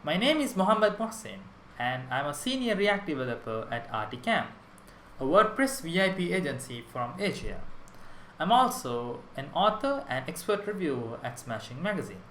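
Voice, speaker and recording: A man's voice: on the high side, very animated, normal speed, a bit bright, reverberant, slight background noise, poor audio. A young man from Sri Lanka giving a prerecorded conference talk on web development, enthusiastic and explanatory, with small restarts.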